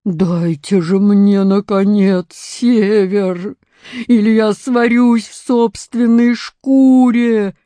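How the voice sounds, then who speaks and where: A woman voicing a grumpy polar bear in a storybook, bellowing loudly. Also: mid-range voice, fairly even intonation, very slow, dry recording, clean studio sound. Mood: roaring. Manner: loud, bellowing.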